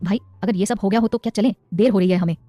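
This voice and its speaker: A woman's voice: mid-range voice, racing, mellow, no room sound, soft background music, lightly acted. A woman voicing an impatient young man urging his friends to leave.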